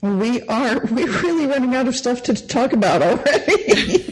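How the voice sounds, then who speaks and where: A woman's voice: a little high, expressive, moderate pace. A woman from Tennessee, a guest on a podcast, telling wry stories in casual chat.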